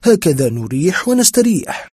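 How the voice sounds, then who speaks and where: A man's voice: high voice, sing-song, normal speed, dark tone, breathy edge, dry recording, clean studio sound, full character voice. A man voicing a weary, blunt police lieutenant colonel in a spoken horror story, dismissive and matter-of-fact.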